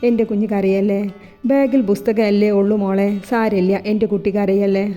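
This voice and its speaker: A woman's voice: mid-range voice, fairly even intonation, moderate pace, dark tone, close to an everyday voice. A woman voicing a tender, coaxing elderly grandfather in a Malayalam audio novel. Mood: soothing. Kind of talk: audiobook character voice. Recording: echoey room with faint music.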